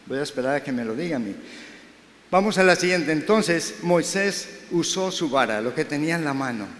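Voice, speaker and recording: A middle-aged man preaching a Sunday sermon in a conversational way, acting out quoted dialogue. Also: on the high side. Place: church hall. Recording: echoey hall with long reverb.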